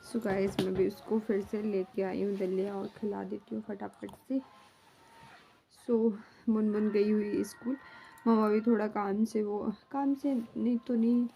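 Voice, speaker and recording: A young woman, a mother, chatting casually to her vlog audience at home in a rambling, homely way, often filling pauses as she talks. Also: mid-range voice, little pitch movement, gravelly, dark tone, a little hiss or hum. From India. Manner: rambling and homely, fills with "matlab".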